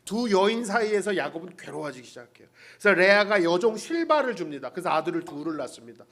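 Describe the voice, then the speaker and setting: A pastor's sermon delivered by a man with a high, very animated voice that swings widely in pitch. He tells the story playfully, voices the characters' lines himself, and keeps turning to the congregation. He is speaking inside a church. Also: quick pace. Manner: humorous, addressing the congregation directly. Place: church sanctuary.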